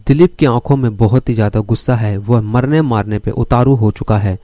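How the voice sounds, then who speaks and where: A man's voice: fairly low pitch, a little fast, dark tone, no echo. A man narrating a crime story as a storyteller, leading his listeners step by step through the events. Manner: addresses listeners directly while telling the story.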